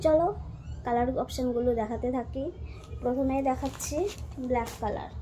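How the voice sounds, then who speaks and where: High-voiced woman showing sarees. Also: a little hiss or hum, poor audio. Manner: soft, repetitive praise of fabric softness. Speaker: saree seller. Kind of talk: casual product showcase.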